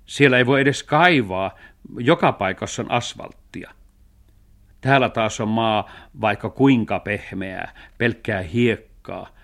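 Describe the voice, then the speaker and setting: A man's voice: lowish voice, fairly bright tone. A man voicing a level-headed young boy in a children's radio story, speaking in a decisive, sensible way. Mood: explaining.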